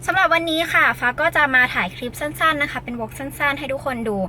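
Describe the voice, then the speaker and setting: A woman's voice: high voice, fast talker, noisy background. A woman vlogger talking to her viewers in a bubbly, polite, chatty way. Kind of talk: cheerful vlog chat to camera. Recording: loud music behind the voice. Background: loud pop music.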